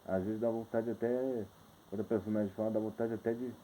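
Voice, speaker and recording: A man's voice: on the low side, steady tone, fast talker, dark tone, slight background noise, low-quality recording. Hesitant Brazilian man reviewing a film. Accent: Brazilian Portuguese. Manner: rambling, hesitant, many restarts. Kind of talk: casual spoken film review.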